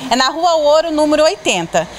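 A woman's voice: high voice, sing-song, brisk, slight background noise. A woman in her thirties with a Brazilian Portuguese accent, a charity volunteer interviewed at an indoor bazaar on a handheld mic, plainly listing details. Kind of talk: on-camera interview. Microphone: reporter's handheld mic.

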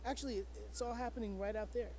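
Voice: medium pitch, steady tone, brisk, warm tone, lightly acted. An actor voicing a snide, teasing character in a video game cutscene. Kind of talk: game dialogue.

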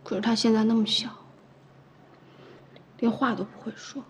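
An actress playing an anxious young mother in a TV drama, speaking softly. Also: on the high side, flat delivery, moderate pace, a little hiss or hum, natural voice. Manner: soft, anxious, soothing. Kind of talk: TV drama acting.

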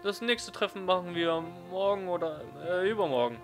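Man acting a higher-voiced, easygoing male schoolteacher. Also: lively intonation, moderate pace, soft background music. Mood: businesslike.

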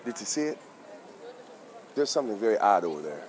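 A man hosting a casual street vlog outdoors, talking excitedly and in slang straight to his viewers. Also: on the low side, a little fast. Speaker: vlog host. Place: outdoors on busy town streets. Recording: busy street crowd and noise.

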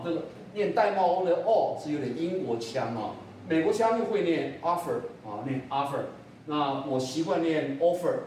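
A man teaching an English pronunciation lesson, slow and deliberate, saying each word several times. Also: on the high side, darkish tone. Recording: echoey room, voice a little far from the mic, faint noise.

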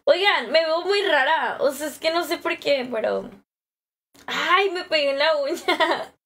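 A woman's voice: high-pitched, expressive, measured pace, a bit bright. A young woman with a Mexican accent chatting casually on a live stream from home, greeting viewers by name and laughing easily into a phone camera held close.

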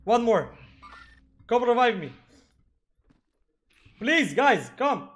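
Male streamer, high and very lively voice, hot-tempered, swears freely. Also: extremely slow. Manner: excitable, swearing, shouting at teammates. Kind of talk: live gaming commentary.

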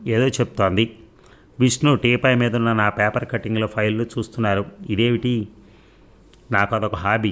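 A man narrates a serialized novel for an audiobook. His voice sits a little low, and he reads at an even storytelling pace, now and then restarting a word.

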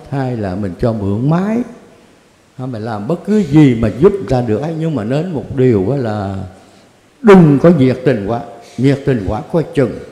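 Older man, Zen teacher, blunt and colloquial, mellow tone, reverberant hall. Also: mid-range voice. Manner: blunt, colloquial, chuckling asides. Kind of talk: answering questions in a Dharma talk. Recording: echoey hall with long reverb.

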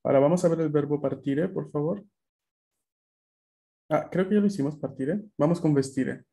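Man, language teacher, online class, patient explainer, mellow tone, slightly high pitch. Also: moderate pace, creaky, breathy edge. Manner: patient, explanatory, frequent tag questions.

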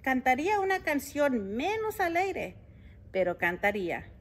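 A woman voicing a cheerful, stubborn little male rooster in a storybook reading, in a bright, earnest, sing-song manner. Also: sits high, big pitch swings, a little slow, a little hiss or hum, pitched above the performer's own voice. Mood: defiant cheerful.

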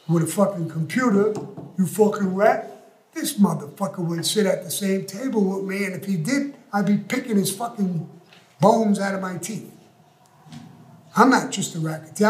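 Blunt, profane older man, roomy echo. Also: high-pitched. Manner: blunt, profane, tough-talking. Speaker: interview guest. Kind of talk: recorded interview storytelling. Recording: roomy echo with faint music.

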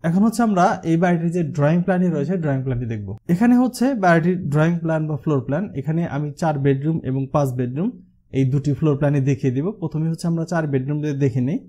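A man from Bangladesh talks quickly through the rooms of a house design, the way a designer explains his own plan. His voice sits a bit high but sounds mellow, and he keeps coming back to the same filler word. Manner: walkthrough explanation with the filler হচ্ছে used often.

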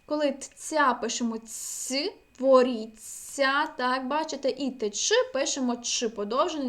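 A woman language teacher giving an online exam-prep lecture, energetic and often checking in with her students. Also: high-pitched.

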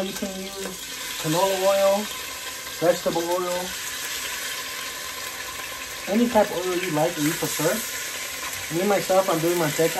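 Chatty man cooking in a noisy kitchen. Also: high voice. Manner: chatty, encouraging, talks straight to viewers. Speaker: cooking channel host. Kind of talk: casual cooking tutorial. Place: home kitchen. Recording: noisy kitchen with frying sounds. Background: food frying.

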